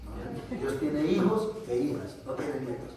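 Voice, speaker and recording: A man's voice: a little high, lively intonation, unhurried, a crowd in the background. A man with a Colombian accent preaching a Sunday sermon, punctuating it with frequent amens and questions to the congregation. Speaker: pastor. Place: church. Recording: echoey church hall, mic far off.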